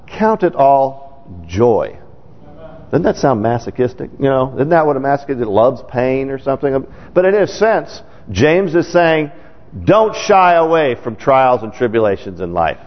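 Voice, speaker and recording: A middle-aged male preacher giving a casual, talky sermon, often checking in with his listeners. His pitch moves a lot, jumping up when he acts out anxious voices. The dull, lo-fi recording carries the long reverb of a church hall. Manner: chatty, checks in with the congregation often. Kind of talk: conversational sermon.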